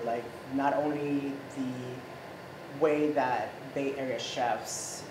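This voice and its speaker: A man in his thirties, born in Ecuador, explaining a recipe as a chef in a relaxed, explanatory way with many fillers, recorded by a far camera in a home kitchen. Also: medium pitch. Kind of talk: cooking demonstration chat. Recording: echoey kitchen with background noise.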